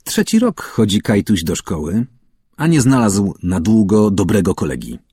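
A man reading a children's story aloud with expressive narration, acting out the characters' calls and shouts. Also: on the low side, normal speed, slightly rough, no room sound, studio quality. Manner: acts out calls and shouts, varies voice widely. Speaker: audiobook narrator.

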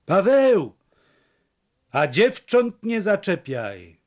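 A man's voice: mid-range voice, lively intonation, takes it slowly, a little mellow. A man voicing a stern, pious old village mother who gives solemn warnings. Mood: solemn admonishing. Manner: solemn, admonishing.

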